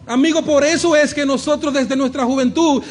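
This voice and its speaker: A male pastor preaches in a strikingly high voice. He acts out the voices he quotes, drops to a hush, then rises to a shout. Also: moderate pace, slight background noise. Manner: animated preaching, acting out quoted voices, shifting between hushed and shouted. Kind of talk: sermon.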